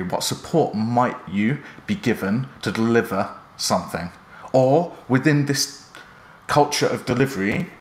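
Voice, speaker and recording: A man presenting instructional career advice in a measured, earnest, explanatory manner. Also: medium pitch. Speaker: presenter giving job interview advice. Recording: roomy echo around the voice.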